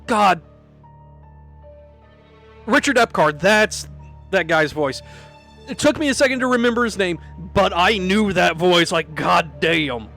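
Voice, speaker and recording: A man's voice: high-pitched, expressive, unhurried, long pauses, fairly bright tone, faint music behind. A man giving casual, reactive commentary while streaming a game, swearing casually. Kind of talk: casual let's-play commentary.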